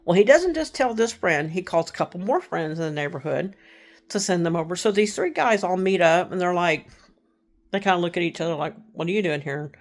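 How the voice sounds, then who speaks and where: A woman from Texas casually retelling a true crime case, chatty, acting out the people she quotes and dropping to hushed tones. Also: lowish voice, animated, fairly quick.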